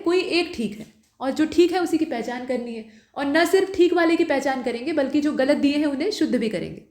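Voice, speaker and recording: High-voiced woman tutoring in an echoey room. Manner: patient, explanatory, asks rhetorical questions. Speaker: Hindi exam tutor. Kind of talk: explaining test questions.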